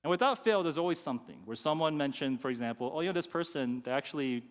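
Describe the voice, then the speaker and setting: A pastor giving a conversational sermon, sometimes acting out people's inner thoughts. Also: male voice, a little high, lively intonation, fast talker, long reverb tail. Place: church sanctuary.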